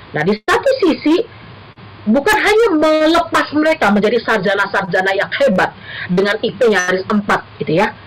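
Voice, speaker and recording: A woman's voice: mid-range voice, slight background noise, rough recording. A middle-aged woman, a university lecturer, giving an earnest church talk to the congregation. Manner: earnest, addresses listeners as brothers and sisters. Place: church service.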